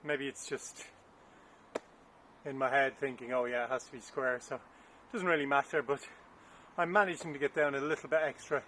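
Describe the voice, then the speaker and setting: A man's voice: mid-range voice, fairly even intonation, normal speed, fairly bright tone. Man, gardening vlogger, out of breath, rambling and thinking aloud outdoors; light wind and traffic noise. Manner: chatty, thinking aloud, unsure asides. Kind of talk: casual vlog narration while digging. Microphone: camera on a stand.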